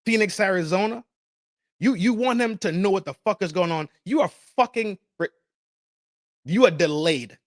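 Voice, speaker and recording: A podcast host with a high-pitched voice rants casually about politics at a normal pace, swearing heavily and leaning on street slang and repeated phrases. His delivery is profane and emphatic, captured as a dry, clean studio recording.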